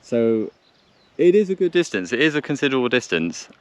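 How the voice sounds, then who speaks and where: This mid-range male voice is very animated, a little fast and slightly mellow. He's hosting a laid-back outdoor vlog next to a vehicle in the countryside, hesitating and musing aloud while talking to camera and doing radio check chat, with noisy vehicle sounds behind him.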